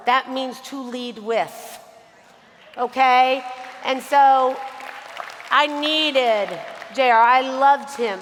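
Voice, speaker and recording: A woman giving a motivational speech on stage, telling a story with animated delivery and talking straight to the audience. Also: on the high side, long reverb tail. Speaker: motivational speaker.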